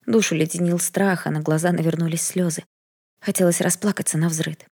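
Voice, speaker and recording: A woman narrating a fantasy audiobook in a steady, measured reading. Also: on the low side, breathy edge.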